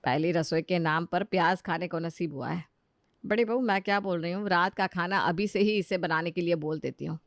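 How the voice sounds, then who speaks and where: A woman's voice: fairly low pitch, moderate pace, no echo, clean studio sound, close to an everyday voice. Woman voicing a stern middle-aged mother-in-law.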